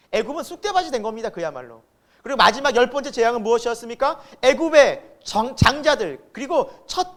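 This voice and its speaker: Male pastor, Sunday sermon, animated pitch, rhetorical questions, loud-and-soft delivery. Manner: rhetorical questions, acts out quoted voices; swings between loud emphasis and soft asides.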